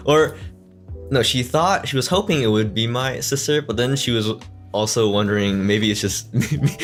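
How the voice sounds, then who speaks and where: A man with a lowish voice talks casually to his viewers as he hosts a stream. He laughs often and trips over his words now and then. Faint music plays behind him. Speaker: streamer host. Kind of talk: casual chat reading fan questions. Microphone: desk mic.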